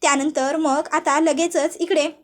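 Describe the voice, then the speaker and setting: A woman's voice: sits high, steady tone, a little slow. A woman narrating an episode recap in a storytelling manner, often repeating herself. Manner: storytelling, repetitive.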